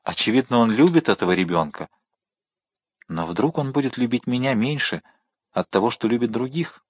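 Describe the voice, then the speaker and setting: A man reading the part of a noble older count who speaks gently and kindly to his ward. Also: medium pitch, lively intonation, normal speed, husky, no room sound. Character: noble older male count, calm and fatherly.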